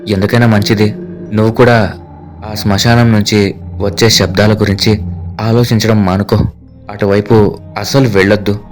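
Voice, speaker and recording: A man reads a scared young man in a ghost story, his low voice anxious and pleading. He sounds shaken and urgent, with faint music behind the telling. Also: little pitch movement, normal speed, pauses often, natural voice. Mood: frightened. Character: young man Hari, fearful friend.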